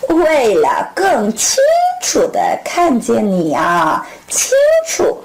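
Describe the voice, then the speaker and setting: A woman voicing a greedy, sly big bad wolf in a children's storybook, drawn out in slow, exaggerated phrases. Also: high voice, wildly swooping pitch, noisy background, full character voice.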